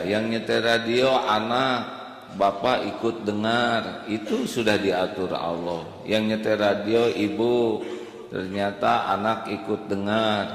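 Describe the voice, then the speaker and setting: Slow, low-voiced preacher in an echoey hall. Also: male voice. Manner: slow, unhurried sermon cadence with sung Quranic recitation. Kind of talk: sermon. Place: large hall with a congregation.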